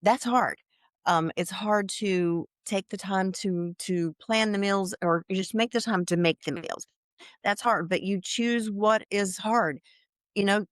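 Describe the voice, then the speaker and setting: A woman in her sixties, interviewed as a client, talking in a halting way with many fillers and restarts. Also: medium pitch, dry recording, studio quality. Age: 60s. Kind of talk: casual interview.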